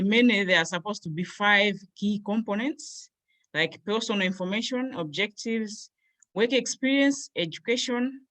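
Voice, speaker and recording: A young woman from Malawi, a graduate student, presenting a workshop over a video call and going through points one by one. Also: mid-range voice. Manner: steady explanatory pace, lists points one by one.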